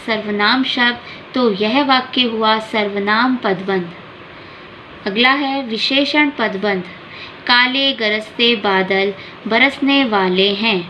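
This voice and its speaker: A woman teacher explaining grammar to school students in a slow, deliberate classroom style, repeating definitions. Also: on the high side, sharp tone, a little hiss or hum, poor audio.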